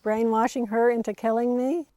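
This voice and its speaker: A woman's voice: fairly high pitch, level tone, normal speed, warm tone, no room sound. A middle-aged woman, a bereaved mother, speaking in a distressed, pleading way and asking many questions in an archival interview clip. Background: music under the voice.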